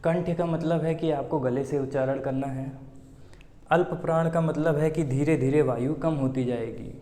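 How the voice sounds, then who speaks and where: A man's voice: on the high side, fairly even intonation, dark tone. A man with an Indian accent teaching English pronunciation in a patient, explaining manner, drawing out example sounds. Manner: slow, patient explaining with drawn-out demonstration sounds. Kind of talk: spoken pronunciation lesson. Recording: echoey room with long reverb.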